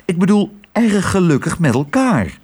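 A man's voice: high-pitched, big pitch swings, normal speed, darkish tone, slightly rough, voice pushed up, full character voice. A man voicing a modest, shy young father who answers politely and a little hesitantly.

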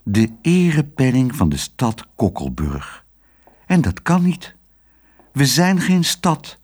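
A man's voice: mid-range voice, husky, voice pushed up, heavily acted. A man reading aloud and voicing a nervous, fussy village mayor who gets agitated and stammers.

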